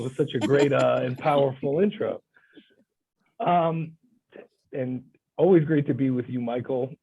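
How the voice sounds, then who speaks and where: A man's voice: mid-range voice, gravelly, husky. A man from Bulgaria, a guest lawyer, answering interview questions in an earnest, passionate and emphatic way over a video call. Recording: thin phone-like line.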